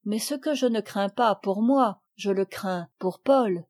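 A woman's voice: medium pitch, a little slow, darkish tone. A woman reading an audiobook, voicing a stern male commander who speaks with a commanding, grave manner. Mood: earnest. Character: stern, bold male ship commander, a father.

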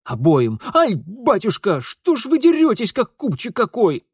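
A man's voice: on the high side, very animated, moderate pace, a little mellow, no room sound, clean studio sound. A man voicing a hot-headed young lieutenant who grumbles sullenly and whines under blows. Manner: sullen grumbling, whining when hit.

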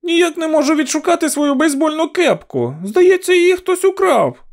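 A man voicing an eager little girl who calls out in a high voice in an audiobook. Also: very animated, normal speed, exaggerated voice. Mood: calling out. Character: excited little girl calling out.

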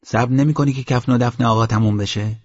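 A man's voice: medium pitch, fairly even intonation, darkish tone, in a large hall, natural voice. A man reading a fretful village headman. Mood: worried questioning. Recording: dull lo-fi recording.

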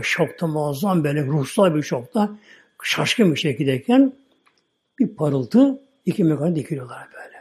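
A man preaching a sermon, telling a story in a folksy, repetitive, animated way. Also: on the high side, slightly rough.

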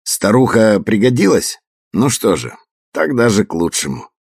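A man's voice: on the low side, big pitch swings, moderate pace, creaky, darkish tone, slightly rough, no room sound, studio quality, pitched above the performer's own voice, heavily acted. A man voicing a vengeful, mocking old woman poisoner in an audiobook, with a cold, triumphant manner.

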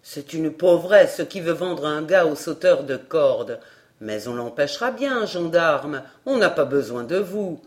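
A woman's voice: low-pitched, expressive, measured pace, a little mellow, pitched below the performer's own voice. A woman reading aloud, voicing a plain-spoken male peasant with a dismissive, easygoing manner.

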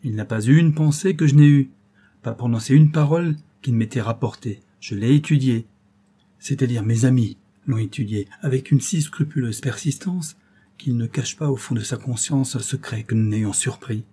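A male audiobook reader voicing an anxious, wealthy old banker who speaks gravely and protectively to his daughter. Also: medium pitch, moderate pace, warm tone, lightly acted.

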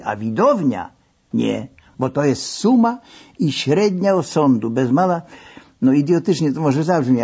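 A man narrating a story in an expressive, conversational and wry way. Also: a little high, slightly rough. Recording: dull lo-fi recording.

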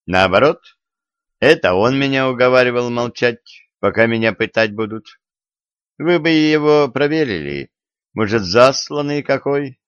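A man's voice: mid-range voice, animated, unhurried, fairly bright tone, clean tone, dry recording. A man voicing a bold young male prisoner in an audiobook, talking in a curt, weary, self-assured way. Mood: sardonic. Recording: dull, dry lo-fi recording.

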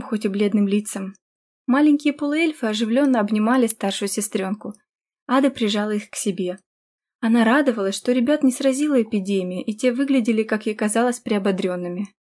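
A woman reading a fantasy audiobook in steady, scripted storytelling narration. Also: fairly high pitch, a little fast.

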